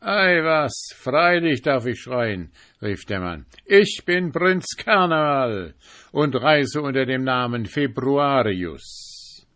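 A man voicing a jolly, loud carnival prince who shouts with glee, in a storybook reading. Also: mid-range voice, very animated, takes it slowly, voice pushed up. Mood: exuberant. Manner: exuberant, shouting.

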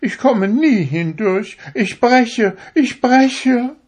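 A man voicing a vain, proud female darning needle in a fussy, high, self-important way. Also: big pitch swings, takes it slowly, a little mellow, slightly rough, full character voice. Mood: whiny.

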